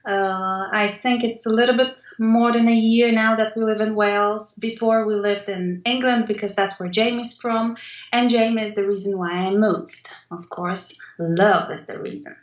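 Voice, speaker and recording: A woman's voice: mid-range voice, fairly even intonation, normal speed. Polish woman chatting about her art, thoughtful, laughs a lot, echoey muffled call sound. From Poland. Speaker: guest artist. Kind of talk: casual interview chat.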